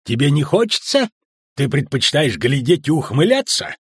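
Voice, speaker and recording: A quarrelsome male dwarf bellows and rants in a husky, raised voice, as a male audiobook reader puts him on. His crude outbursts jump around in pitch. The recording is dry and close. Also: very animated, moderate pace, no echo, exaggerated voice. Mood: angry ranting. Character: gruff hot-tempered male dwarf wagon driver.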